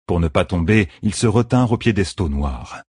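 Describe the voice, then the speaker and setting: A man reading an audiobook in a measured, even way, as scripted narration. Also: deep voice, husky, no room sound, studio quality.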